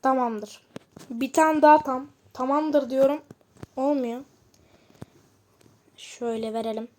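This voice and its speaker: A woman's voice: high voice, steady tone, slow, darkish tone. A woman giving casual commentary while playing a game, chatting and muttering to herself with frustrated outbursts. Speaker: gamer.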